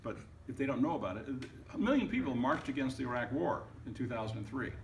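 A man's voice: mid-range voice, big pitch swings, quick pace. An older man fields audience questions at a tech event, emphatic and a little wry, with a mid-range voice. He sounds somewhat off the mic, and a faint room hum sits under his words. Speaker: speaker at a tech summit. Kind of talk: conversational Q&A answers. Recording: distant, noisy event room.

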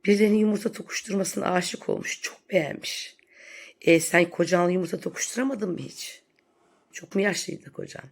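A woman's voice: on the low side, fairly quick, vocal fry. A woman vlogger delivering a sarcastic, scolding rant in a commentary vlog.

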